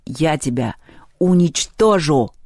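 A storyteller voicing a quick-tempered male supreme god who drawls, shouts and hisses threats. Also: medium pitch, animated, no room sound, clean studio sound, lightly acted. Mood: furious.

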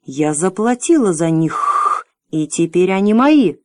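A woman's voice: lowish voice, very animated, dry recording, studio quality. A woman voicing a scheming, cruel female dragon who hisses and drawls with false sweetness in an audiobook. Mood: menacing. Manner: hissing, sneering, slow and drawn out. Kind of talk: audiobook character voice.

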